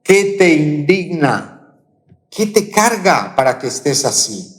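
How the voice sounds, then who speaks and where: A Colombian man preaching a sermon, leaning on slow, emphatic repetitions. His voice sits somewhat high for a man and rings out with the long reverb of a church hall. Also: sing-song. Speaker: pastor. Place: church auditorium.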